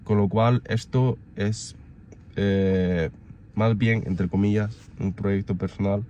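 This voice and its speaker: Young man, stuffed up from a cold, lowish voice, rambling casual vlog, faint background noise. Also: fairly even intonation, slow pace, warm tone, dull audio. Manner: rambling, many fillers and restarts. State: congested from a cold. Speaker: vlogger.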